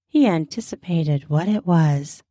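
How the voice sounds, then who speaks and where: A woman's voice: deep voice, animated, a little slow, dark tone, no room sound. A woman who hosts a podcast, chatting playfully to lead in and then reading an erotic story aloud steadily. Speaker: podcast host.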